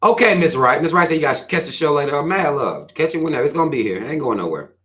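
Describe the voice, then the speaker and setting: A man from the Carolinas with a Southern American accent, talking in a loose, profane livestream rant. His voice sits a little high for a man and comes across bright and forceful, with a hard, blunt edge. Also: animated, quick pace. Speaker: channel host reading viewer comments.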